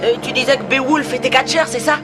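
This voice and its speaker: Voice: high voice, quick pace, lightly acted. An actor playing a cheeky, sarcastic young boy hero with slangy delivery in a French cartoon dub. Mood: unimpressed. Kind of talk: French animated series dubbing. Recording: music faintly behind the voice.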